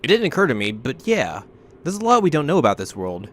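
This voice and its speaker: Animated man narrating a game playthrough. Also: fairly high pitch, fast. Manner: joking, dramatic reading. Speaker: let's player. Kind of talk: reading game text aloud with joking commentary. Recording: faint background noise.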